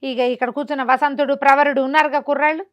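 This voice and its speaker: Speaking quickly in a high, fairly bright voice with a level tone, a Telugu-accented woman narrates a folk tale in a conversational way. She acts out the characters' lines with plenty of expression.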